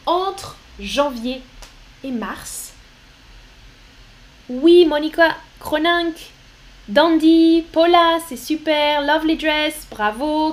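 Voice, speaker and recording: Slow, encouraging teacher woman. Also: sits high. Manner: slow, encouraging, switches between French and English. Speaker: French teacher. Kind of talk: live online lesson.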